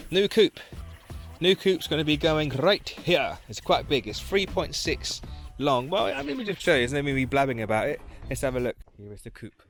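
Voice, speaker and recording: A chatty man rambles his way through a casual outdoor vlog, correcting himself as he goes. His voice sits at an ordinary middle pitch, picked up by a handheld camera with faint noise behind it. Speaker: crofter vlogger. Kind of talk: casual vlog walk-around. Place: outdoors on a windy croft.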